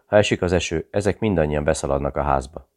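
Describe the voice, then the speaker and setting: A man voicing a meek, simple-minded male peasant gardener in an audiobook, speaking slowly and sadly. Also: extremely low pitch, darkish tone. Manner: slow, sad, simple-minded.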